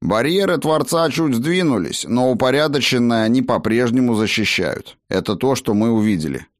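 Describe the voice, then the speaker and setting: A man doing a gruff bossy dwarf tinkerer. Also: mid-range voice, expressive, dry recording, clean studio sound, lightly acted. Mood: brisk. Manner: brisk, bossy.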